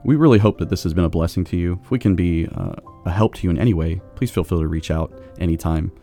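A man with a deep voice co-hosting a church podcast, chatting casually and closing the episode. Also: fast talker, warm tone, faint music behind. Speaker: podcast co-host.

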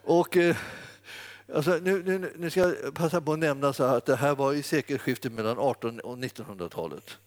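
A man preaching through an anecdote in a rambling, self-correcting way, chuckling often as he tells it. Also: mid-range voice. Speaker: preacher telling a story. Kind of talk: anecdotal sermon storytelling.

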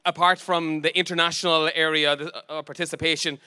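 Male Irish event host, forward bright tone and slightly raised pitch, putting questions to guests. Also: level tone, fairly quick, clear, resonant tone, no room sound. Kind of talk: live on-stage interviewing.

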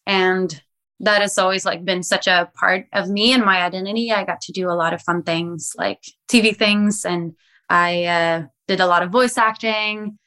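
Young woman from Sweden, musician guest, bright clear tone, chatty and enthusiastic. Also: medium pitch, steady tone, moderate pace. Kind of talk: casual interview talk.

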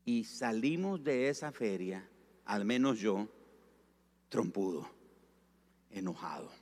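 A male pastor preaching a storytelling sermon, acting out the dialogue and slowing down for emphasis. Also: fairly low pitch. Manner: animated, acts out dialogue, slows for emphasis. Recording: long reverb of a large hall.

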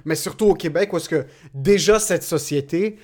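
A Québécois man with a somewhat high voice trades quick, slangy banter. He talks with energy and easily acts out little scenes. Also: darkish tone. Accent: Québécois French. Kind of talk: casual podcast chat.

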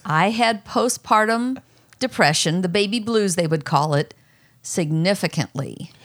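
A middle-aged woman talks openly with her grown son, in an earnest, storytelling way. Her voice sits at an ordinary pitch for a woman, but it leaps upward whenever she repeats what she once thought or said. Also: animated, unhurried. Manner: earnest storytelling, voice jumps high when quoting herself. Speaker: mother. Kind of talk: candid personal conversation.

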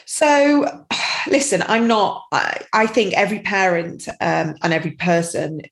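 A woman's voice: on the low side, measured pace, vocal fry, low-quality recording. A middle-aged woman speaking as a podcast guest, chatty and rambling, with many "you know"s. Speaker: guest, tapping practitioner and parent. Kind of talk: casual podcast interview.

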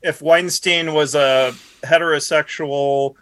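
A man's voice: on the high side, steady tone, slow, fairly bright tone, no echo. A man co-hosting a podcast over a remote call, telling old stories with a chuckle. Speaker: podcast co-host. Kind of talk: casual podcast chat.

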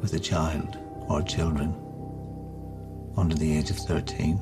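Very deep, stern official. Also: male voice, little pitch movement, a little slow, over music. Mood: stern, formal.

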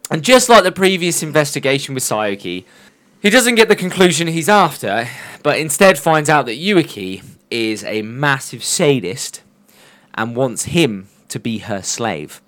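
A man's voice: mid-range voice, big pitch swings, unhurried, fairly bright tone. A man co-hosting a podcast, recapping episodes in casual chat and laughing often. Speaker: podcast co-host.

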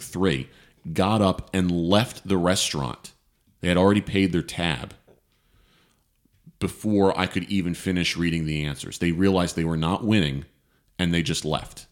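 A man in his thirties with a low, deep voice co-hosts a casual talk show. He argues his points emphatically, with plenty of ums, uhs and restarts. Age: 30s. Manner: emphatic, frequent fillers and restarts. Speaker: podcast co-host. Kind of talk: casual opinionated chat.

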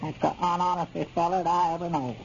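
An actor playing a cautious, plainspoken country neighbor with a rural Southern American accent in a 1930s radio serial. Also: male voice, a little high, level tone, quick pace, creaky. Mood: cautioning. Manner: homespun dialect, plainspoken. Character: neighborly country man, cautious advice-giver. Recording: dull, faintly noisy old radio recording.

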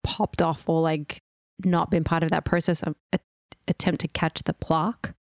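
A woman's voice: deep voice, flat delivery, moderate pace, no echo. A woman taking part in a tabletop game, casually describing what her character does.

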